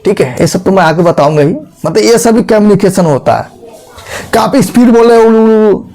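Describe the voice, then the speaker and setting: A man's voice: sits high, animated, moderate pace, warm tone, faint music behind. A man explaining a lesson step by step, asking rhetorical questions and demonstrating tones and expressions as he teaches.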